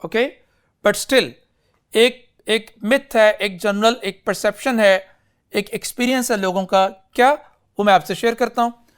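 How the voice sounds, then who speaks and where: With a smooth, high-pitched voice, a male teacher runs an English spelling class in a blend of Urdu and English. His explanation is slow and deliberate and packed with spelling examples. He calls the students "beta" and keeps making sure they're keeping up.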